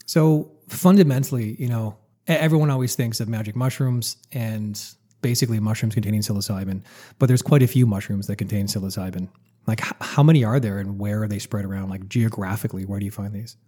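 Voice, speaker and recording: A man hosts a casual podcast interview, his voice husky and warm in tone. He talks quickly and enthusiastically, rambling and joking as he works toward his questions. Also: fairly low pitch. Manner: chatty, enthusiastic, jokey, rambling. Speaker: podcast host.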